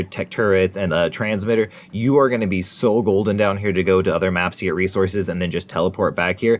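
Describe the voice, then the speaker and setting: A man hosting a gaming channel, giving a casual, informal top ten countdown style commentary on ranked entries. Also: sits low. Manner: informal, folksy phrasing.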